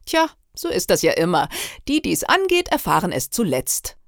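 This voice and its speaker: A woman's voice: fairly low pitch, wildly swooping pitch, moderate pace, vocal fry, dry recording, studio quality, heavily acted. A woman voicing a snide, gossiping thirteen-year-old girl in an audiobook reading, with a mocking, sly manner.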